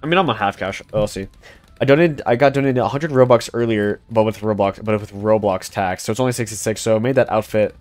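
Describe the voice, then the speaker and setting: A man's voice: lowish voice, quick pace, a little mellow. A young man streaming a co-op tower defense game live, chatting loosely with his chat and friends, full of "like" and restarts. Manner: rambling, filler-heavy, talking to chat. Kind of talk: casual live gameplay commentary.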